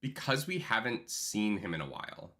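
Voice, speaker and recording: A man's voice: fairly low pitch, normal speed. A man in his thirties co-hosting a casual livestream chat, reading viewer messages aloud and talking animatedly. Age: 30s. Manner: animated, reads chats aloud. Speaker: co-host.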